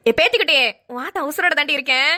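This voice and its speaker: A woman's voice: high voice, lively intonation, fast talker, pushed and bright. A woman voicing a mischievous elderly grandmother in a cartoon, teasing and rustic in manner. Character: mischievous elderly grandmother who fakes fainting. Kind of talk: cartoon voice acting.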